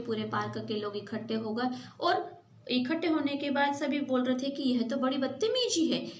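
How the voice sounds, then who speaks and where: A woman's voice: high voice, slight background noise. A woman teacher reading a story to a class and patiently retelling each part in simpler words. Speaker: school teacher. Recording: echoey room.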